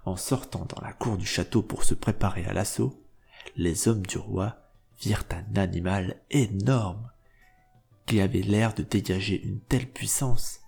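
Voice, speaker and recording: Guest male narrator: husky, low, steady storytelling over faint music. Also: a little slow.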